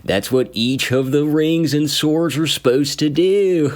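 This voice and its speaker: A man's voice: a little high, slow, pitched above the performer's own voice. A man voicing a laid-back, goofy surfer-dude magic ring that laughs and drawls slang, in a tabletop story. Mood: goofy excited.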